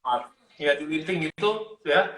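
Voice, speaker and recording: A man telling a personal story in a casual interview, lively, acting out other people's voices as he goes. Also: a little high, measured pace, background noise. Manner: animated, acts out the voices of his parents. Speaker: interview guest sharing life story.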